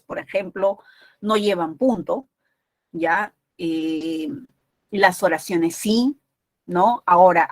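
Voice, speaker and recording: A woman's voice: medium pitch, no echo. A woman teaching a university entrance exam prep class, explaining patiently and often checking in with short tag questions.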